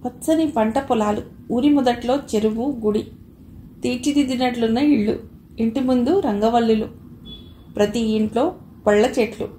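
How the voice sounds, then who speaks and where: A woman reading a first-person audio novel in a measured, expressive way. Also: on the high side. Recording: roomy echo, faint hiss.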